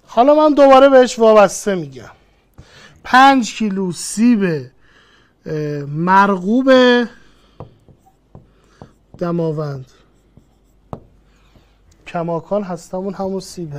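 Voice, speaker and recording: A woman's voice: on the high side, darkish tone. A woman teaching a grammar lesson online, patiently repeating each rule and working through examples one by one. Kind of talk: online lesson, explaining step by step.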